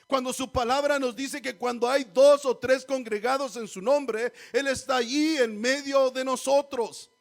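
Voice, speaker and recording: Here a man with a very high-pitched, fairly even voice delivers a sermon in church at an unhurried pace with few pauses. His manner is exhorting; he keeps calling the congregation "hermanos" and asks them rhetorical questions.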